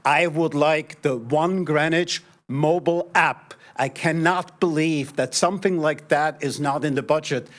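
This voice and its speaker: A man in a town meeting room, making his public comment in an earnest, direct way. His voice sits a little higher than most men's. He keeps checking in with his listeners with a quick "right?". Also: fairly bright tone.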